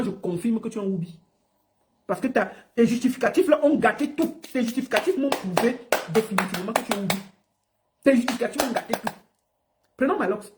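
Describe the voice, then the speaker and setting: A woman's voice: on the high side, a little mellow. A woman ranting on a live stream in a scornful, mocking, repetitive way. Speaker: online personality.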